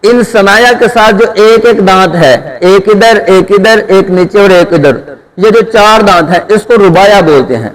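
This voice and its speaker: A man teaching Quran letter pronunciation, asking his students questions and answering them himself, drawing out each letter sound. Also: high voice. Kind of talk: Urdu tajweed lesson, call-and-response drilling. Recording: long hall reverb.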